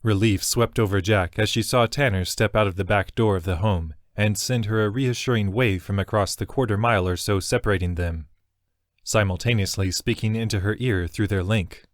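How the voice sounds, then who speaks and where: A man giving steady, measured narration of a fantasy audiobook into a close studio mic. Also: fairly low pitch, dry recording.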